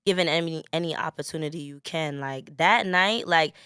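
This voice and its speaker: A woman's voice: sits low, moderate pace, clear, resonant tone, no echo, clean studio sound. A woman guest on a podcast, telling a story with lots of energy and acting out the voices of the people in it. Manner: lively storyteller, acts out quotes. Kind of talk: casual chat.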